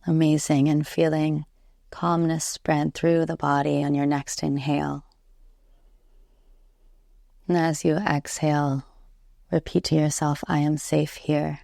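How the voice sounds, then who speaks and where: Here a yoga nidra instructor, a woman, takes listeners through a relaxation meditation in a soothing, unhurried way, pausing at length between each gentle direction. Her low voice is creaky. The audio is dry and studio-clean.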